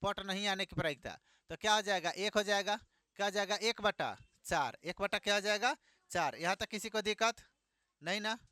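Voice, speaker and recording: A man leads a classroom math lesson in a high, bright voice. He fires questions at the class and repeats every answer back to them. The sound is clean and resonant, with a dry, close feel. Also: normal speed, dry recording. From Bihar, India. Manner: call-and-response questioning, repeats each answer. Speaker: teacher.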